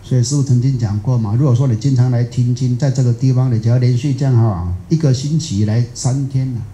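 A man with a Taiwanese Mandarin accent gives a rambling, folksy Buddhist dharma talk, often stopping to question his listeners. His voice is very dark and mellow. It carries an echo from the room. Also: medium pitch, fast talker, a little hiss or hum. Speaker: Buddhist teacher. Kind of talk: dharma talk to a live audience.

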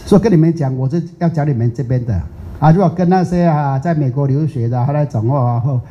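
Older male Buddhist teacher, deep mellow tone, casual teasing talk, dull lo-fi sound. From Taiwan. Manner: chatty, teasing, drawn-out English words. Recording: muffled lo-fi recording.

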